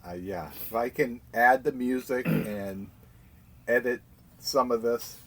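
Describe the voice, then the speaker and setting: A man's voice: medium pitch, slow. A man co-hosting a podcast in casual chat, making dry asides and laughing along. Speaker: podcast co-host.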